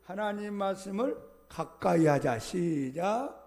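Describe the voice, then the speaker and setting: A man preaches a Sunday sermon in a high, gravelly voice. He drives his points home by repeating short exhortations, each one pressed with force. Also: lively intonation, slow, a little mellow. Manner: emphatic, repetitive exhortation with rising calls. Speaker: pastor.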